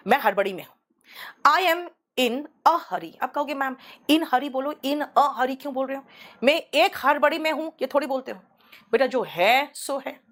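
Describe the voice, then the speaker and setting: Lady teacher going over english idioms in a studio, kinda high voice, patient. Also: fairly bright tone. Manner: explains patiently, calls students "beta". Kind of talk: online class lecture.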